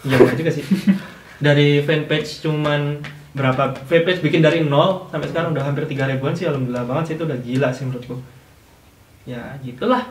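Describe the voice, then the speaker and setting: A man, chatting casually and quickly about his comic community. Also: on the high side, steady tone, recorded from a distance, slight background noise. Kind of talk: casual chat. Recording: echoey room, voice a bit off-mic.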